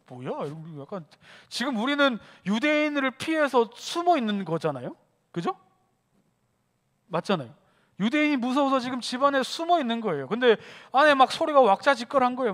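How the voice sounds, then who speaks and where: A youth pastor giving a sermon in a church sanctuary, lively and conversational, acting out scenes as he talks. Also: very high-pitched. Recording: long church hall reverb.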